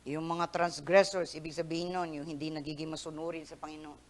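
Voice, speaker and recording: A woman pastor giving a Sunday sermon, mixing Tagalog with English, swinging from loud emphatic peaks to soft near-whispers and stretching words out for emphasis. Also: low voice, little pitch movement, a little fast. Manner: mixes Tagalog with English phrases.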